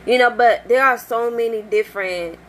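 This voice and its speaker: A young woman who owns a shop, chatting casually in an animated vlog with lots of fillers and acted-out quotes. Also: on the high side, moderate pace, slight background noise, rough recording. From United States. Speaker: shop owner.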